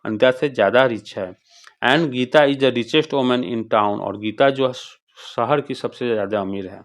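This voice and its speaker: Slow-talking male teacher. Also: medium pitch. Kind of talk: explaining an English grammar lesson.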